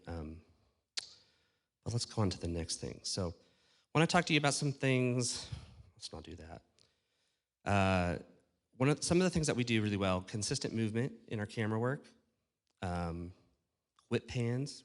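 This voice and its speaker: A man speaking on stage at a conference about church production, talking casually to a live audience, checking in with questions and poking fun at himself, his voice a little worn. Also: medium pitch. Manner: conversational, asks the audience questions, self-deprecating. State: losing his voice.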